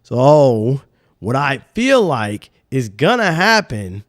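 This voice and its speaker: This sports podcast host is a young man with a slightly nasal, mid-range voice who takes things slowly. The talk is loose, animated and rambling, peppered with slang, and the studio sound is clean with no echo.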